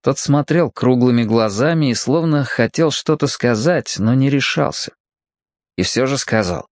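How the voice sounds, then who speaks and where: A man narrating a children's story aloud with an expressive, vivid reading. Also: mid-range voice, measured pace, no echo. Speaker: audiobook narrator.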